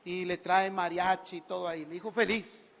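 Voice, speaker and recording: A man's voice: sits high, fairly even intonation, normal speed, creaky, fairly bright tone. A man with a Costa Rican accent preaching a theatrical sermon in church, firing questions at the congregation. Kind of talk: lively sermon. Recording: church hall reverb.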